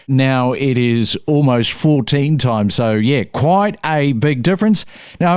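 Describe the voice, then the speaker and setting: A man hosting a property news podcast in a brisk, upbeat presenter style. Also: medium pitch, smooth, dry recording, clean studio sound. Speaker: podcast host.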